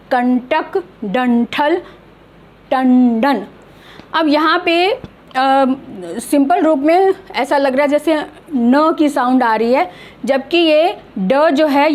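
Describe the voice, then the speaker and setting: A high-pitched woman who speaks slowly while teaching a grammar lesson online. She is middle-aged and patient, and she stretches out each example word so it can be heard clearly. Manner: slow, patient, drawing out example words.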